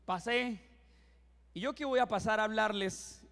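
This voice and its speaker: A young man in his twenties, a youth pastor, preaching a sermon and telling funny stories, acting out his own reactions with lively energy. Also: high-pitched, unhurried. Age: 20s. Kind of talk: sermon with humorous storytelling. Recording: reverberant hall.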